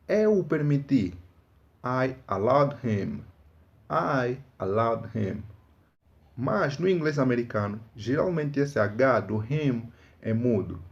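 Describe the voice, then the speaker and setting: Slow, gravelly teacher. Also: male voice, mid-range voice, a little mellow, dull audio. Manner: patient, repeats each English word slowly for drilling. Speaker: English teacher. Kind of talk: online language lesson.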